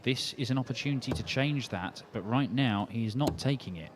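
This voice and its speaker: A male sports commentator follows a darts match live with measured analysis. His pitch is mid-range for a man, and there is clear noise with clicks behind him. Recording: clearly noisy background with clicks.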